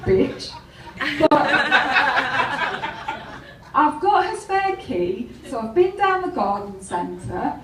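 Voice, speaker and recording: A woman's voice: high voice, sing-song, very slow, pauses often, slight background noise. Wry woman doing stand-up. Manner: wry, anecdotal, laughs at her own jokes. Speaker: stand-up comedian. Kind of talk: stand-up comedy set. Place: live comedy venue. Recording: roomy, distant mic with faint ambience.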